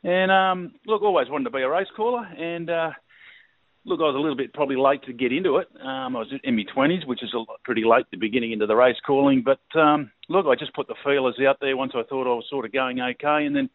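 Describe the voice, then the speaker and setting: A middle-aged Australian man talks quickly and at length, easygoing and rambling with plenty of fillers. His voice comes over a tinny phone line with a dry sound. His pitch sits at an ordinary middle level. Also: lively intonation, dry recording. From New South Wales, Australia. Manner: laid-back rambling storyteller, many fillers. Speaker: race caller, guest. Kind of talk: casual interview.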